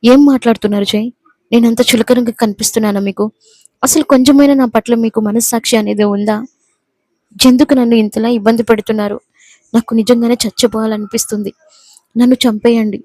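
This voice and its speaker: Woman reading a wronged young wife, angry and defiant, mellow steady voice, dry sound, storybook. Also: fairly high pitch, fairly quick, no echo, close to an everyday voice. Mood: angry defiance.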